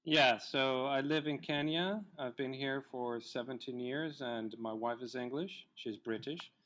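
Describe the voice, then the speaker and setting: A middle-aged man from Colombia, a native Spanish speaker, telling his life story as a guest in a relaxed interview. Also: medium pitch, measured pace. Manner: reflective storyteller, many fillers. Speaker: filmmaker guest. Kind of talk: casual interview chat.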